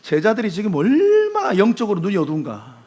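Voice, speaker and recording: A man preaching a Sunday sermon as pastor, acting out quotes with sudden swings between loud cries and hushed words. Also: high voice, huge pitch swings, brisk. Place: church sanctuary.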